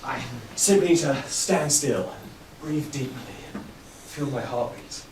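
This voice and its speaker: Cast: actor as a lofty, earnest young poet son, lively high voice, echoey theatre, heard from far off. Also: male voice, normal speed, a little hiss or hum. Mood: dreamy. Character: earnest dreamy adult son, a romantic poet. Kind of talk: amateur stage farce acting. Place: theatre stage. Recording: echoey stage recording from far off.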